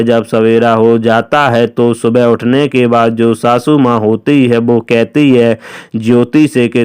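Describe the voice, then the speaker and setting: Slow, clear-voiced male storyteller. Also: medium pitch. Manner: plain, unhurried retelling with many connecting phrases. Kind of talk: casual crime story narration.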